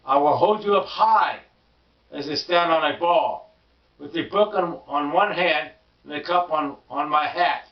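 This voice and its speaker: A man's voice: a little high, measured pace. A man voicing a mischievous, showy storybook cat in a tall hat, in a boastful sing-song voice. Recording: roomy, distant, dull sound.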